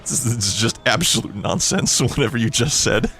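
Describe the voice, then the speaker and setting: A man co-hosting a let's play, teasing his friend with sarcastic jokes and quick giggles. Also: medium pitch, animated, fairly bright tone, soft background music. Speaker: co-host of a gaming let's play. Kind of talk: casual let's play banter.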